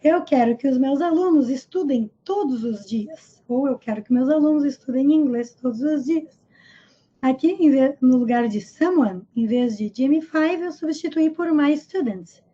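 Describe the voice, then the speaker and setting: A woman teaching English vocabulary and pronunciation, explaining a comic strip slowly and clearly. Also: sits high, warm tone, muffled recording. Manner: slow, careful pronunciation of English examples.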